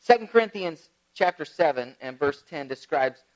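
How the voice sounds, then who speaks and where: A man delivering a sermon, his voice riding up and down with lively pitch. He tells stories with big swings between loud, emphatic bursts and hushed, low asides. His voice sits a little higher than most men's. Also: moderate pace, low-quality recording. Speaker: pastor.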